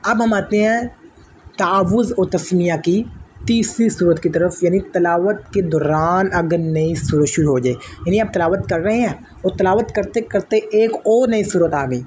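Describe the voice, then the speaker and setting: A man with a high voice leads a spoken lesson on Quran recitation, breaking his chanted examples into slow steps. He explains patiently and keeps posing questions to his students, then answering them himself. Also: a little mellow, a little hiss or hum.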